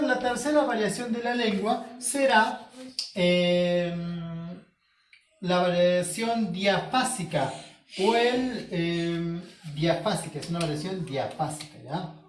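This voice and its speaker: A Peruvian male teacher explains a lesson in his home, going over key terms again and again and asking himself the student's questions. His voice sits at an ordinary pitch and comes from a little away from the mic. The room is echoey, with faint noise behind him. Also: distant mic. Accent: Peruvian Spanish. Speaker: school teacher. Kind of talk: home-schooling video lesson.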